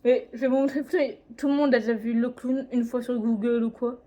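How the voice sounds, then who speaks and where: Her voice sits on the high side and sounds mellow, with fairly even intonation at a moderate pace. The teenage drawing vlogger chats casually indoors at home, rambling, hesitating and often correcting herself.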